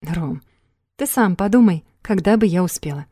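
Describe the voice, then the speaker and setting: A woman's voice: fairly low pitch, expressive, normal speed, warm tone, husky, dry recording, studio quality. A woman reading an audiobook, voicing a weary young woman who speaks in a subdued, resigned way.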